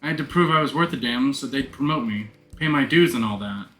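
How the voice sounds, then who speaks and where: A man's voice: medium pitch, a little fast, a bit bright, natural voice. A man voicing a brash, slangy woman thief who poses as a starlet, with streetwise wisecracks, in a game. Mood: exasperated confession. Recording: roomy echo, music behind.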